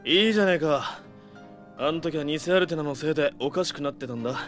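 An actor playing a rough, brash but caring young man in an audio drama, with blunt, slangy speech. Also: a little high, quick pace, faint music behind, lightly acted. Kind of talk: Japanese audio drama acting.

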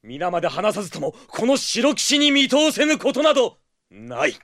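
An actor playing a pompous, earnest older brother who poses as a masked knight of justice, speaking in formal, grandiose phrases in an audio drama. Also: male voice, sits high, wildly swooping pitch, normal speed, a bit bright, dry recording, studio quality, full character voice. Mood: grandiose, triumphant. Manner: formal, archaic, theatrical and grandiose. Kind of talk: Japanese audio drama acting.

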